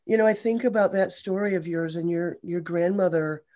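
A woman's voice: fairly low pitch, moderate pace, mellow. A woman social worker, a podcast guest, talking frankly and joking in casual conversation. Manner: frank, joking, self-correcting.

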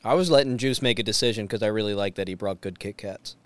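Man, podcast chat, joking, quick to laugh, dry close sound. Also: fairly low pitch, no room sound. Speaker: podcast regular. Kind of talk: casual group chat.

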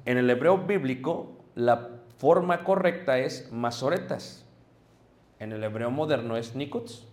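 Echoey male preacher teaching a congregation. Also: medium pitch. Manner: addresses listeners directly, checks in with "ok?". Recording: echoey room.

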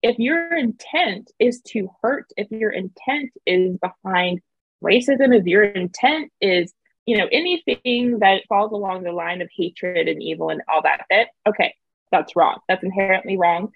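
A woman's voice: mid-range voice, a little slow, gravelly, slightly rough, no echo, highs cut off. A woman in a casual interview, talking emphatically and repeating phrases to drive a point home. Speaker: interview guest, author and video creator.

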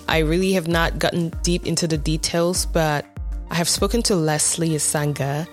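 A woman hosting an interview, effusive and encouraging toward her guest. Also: sits low. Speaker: interview host. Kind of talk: casual interview.

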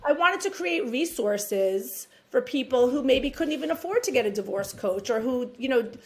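A woman's voice: high-pitched, expressive, normal speed, a little mellow. A woman with a New York accent, a divorce mediator talking in a rambling, chatty way on a podcast interview. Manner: chatty, rambling, self-deprecating laughs.

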